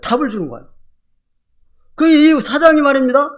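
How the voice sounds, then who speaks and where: An older male pastor preaching a sermon with animated delivery, often quizzing the congregation. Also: extremely high pitch, normal speed.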